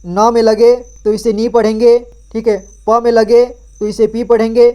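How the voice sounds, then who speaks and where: A man's voice: extremely high pitch, little pitch movement, normal speed, warm tone, clean tone, highs cut off. A man gives a patient reading lesson, building words syllable by syllable. He repeats each sound and keeps turning to the listener to read it back. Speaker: Hindi reading teacher.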